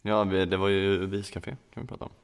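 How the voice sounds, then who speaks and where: A man's voice: deep voice, steady tone, vocal fry, clean tone. A young man co-hosting a podcast in casual chat, chiming in with short questions and dry teasing asides. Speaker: podcast co-host.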